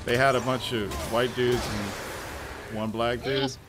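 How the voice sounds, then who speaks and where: A man's voice: medium pitch, steady tone, takes it slowly, heavy background noise. A man hosting a podcast, chatting casually about a game as it plays, swearing and laughing often. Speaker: podcast host. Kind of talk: casual chat over gameplay.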